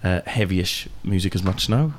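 A man's voice: sits low, moderate pace, a little hiss or hum. A young man with a South Welsh accent, a guest musician chatting casually on a podcast with many ums. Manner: relaxed, hesitant with ums, laughs easily.

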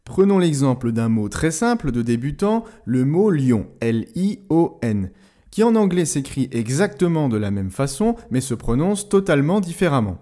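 A man hosting a language-learning podcast, explaining pronunciation tips in a clear, didactic way, slowing down to model words. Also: fairly high pitch, sing-song, dark tone. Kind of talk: scripted educational narration.

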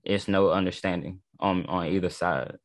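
A man in casual discussion, talking in a halting, slangy way and circling back over his phrases as he works out his point. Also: low voice, fairly even intonation, dry recording, clean studio sound.

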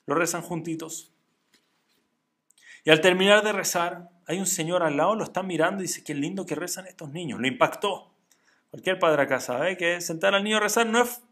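Animated male preacher telling a moral tale, emphatic, fairly high. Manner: animated, emphatic, swinging volume. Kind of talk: religious storytelling.

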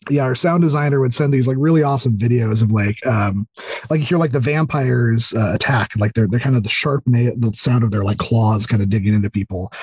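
A man who creates audio dramas chats casually as a podcast guest, enthusiastic and rambling, often repeating words and starting over. His medium-pitched voice is a little fast, a little mellow, with a breathy edge and no room sound.

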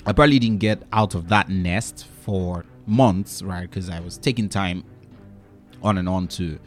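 A man's voice: low-pitched, unhurried, faint music behind. A man hosting a solo podcast, talking earnestly and giving advice, often checking in with "right?" and "you know". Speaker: podcast host.

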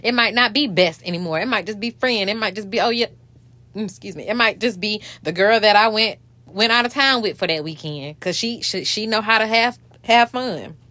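A woman's voice: mid-range voice, fairly quick, sharp tone, no echo. A woman hosting her own podcast, talking candidly and emotionally in profane street slang, choked up and hiccuping. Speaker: podcast host.

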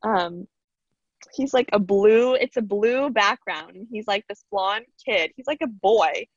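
A woman's voice: medium pitch, slow pace, husky, no room sound, dull audio. A woman chatting as a podcast guest, bubbly and talkative with lots of fillers. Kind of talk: casual interview chat.

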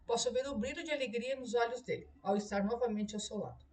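A woman voicing a polite, measured young male doctor in an audiobook, recorded from a distance. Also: fairly high pitch, darkish tone, close to an everyday voice. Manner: courteous, measured.

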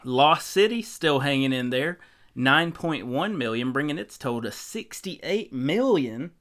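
A man's voice: medium pitch, lively intonation, measured pace, fairly bright tone. A man co-hosting a film podcast, chatting casually in an upbeat, jokey way as he runs through box office news. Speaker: podcast co-host.

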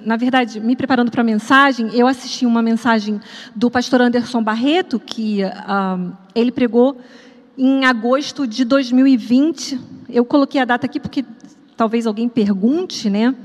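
A woman's voice: a little high, in a large hall. A woman with a Brazilian Portuguese accent preaching a sermon, talking to the congregation directly in a conversational, storytelling way. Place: church sanctuary at an evening service.

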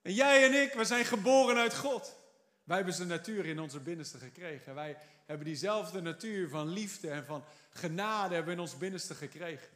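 A man with a high-pitched voice delivers a fervent sermon. He swings from quiet asides to drawn-out, emphatic lines. A long hall reverb trails each phrase. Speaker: preacher.

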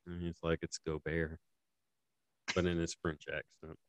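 A man's voice: deep voice, little pitch movement, fairly quick, fairly bright tone, slight background noise. A man co-hosting a casual sports podcast, rambling and laughing often as he talks. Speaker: podcast co-host.

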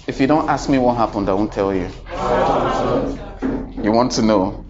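A man preaching a sermon, dramatic, swinging between loud and hushed and asking the congregation questions. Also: on the low side, moderate pace, crowd noise. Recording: muffled recording with faint ambience.

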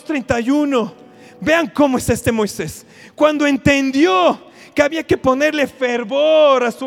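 A man preaches with fervor, his voice pitched very high for a man and edged with a gravelly fry. He repeats his phrases and surges into shouts. The sound rings through a large hall with music playing softly underneath. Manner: fervent, repetitive, bursts into shouting. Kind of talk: fervent sermon. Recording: reverberant hall with background music.

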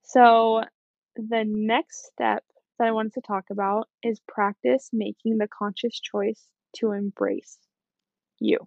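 A woman with a somewhat high voice hosts her own podcast, talking casually and earnestly to her listeners. She sounds encouraging and laughs easily between thoughts. The sound is dry and a bit muffled, with no room echo. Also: animated, slow pace, creaky, darkish tone. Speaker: podcast host. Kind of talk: casual self-help podcast talk.

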